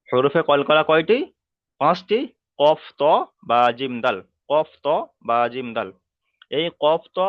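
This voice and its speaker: A man teaching a Quran recitation class online, patiently repeating and spelling out letters slowly. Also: fairly high pitch, dry recording, muffled recording.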